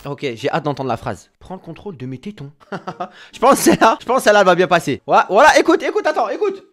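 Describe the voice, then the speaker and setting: A man's voice: high voice, sing-song, fast talker, a bit bright. A man doing casual, crude, joking reaction commentary for viewers. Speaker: youtuber. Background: music clips playing.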